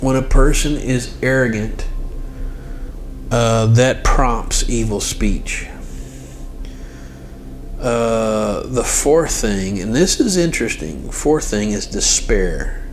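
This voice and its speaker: A man hosts an informal devotional lesson as a religious teacher, addressing the listener directly and repeating phrases for emphasis. His medium-pitched voice is animated but slow with frequent pauses, and there's slight background noise.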